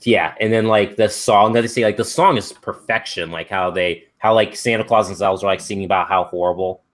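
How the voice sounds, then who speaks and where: Young man, low pitch, casual stream chat, rambling. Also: steady tone, fairly quick, a bit bright. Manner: rambling, many "like" fillers. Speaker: stream host.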